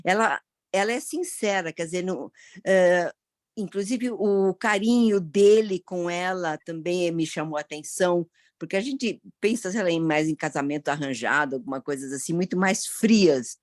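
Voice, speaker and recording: A woman sharing her views in a casual film discussion, chatty and halting. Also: lowish voice, no room sound, studio quality. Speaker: audience member.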